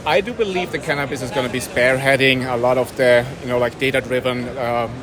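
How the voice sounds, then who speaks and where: A man's voice: mid-range voice, steady tone. A man giving casual interview answers at a conference event, often rephrasing as he goes. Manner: halting, rephrasing, frequent "like". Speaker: company representative interviewee. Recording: busy crowd behind. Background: crowd.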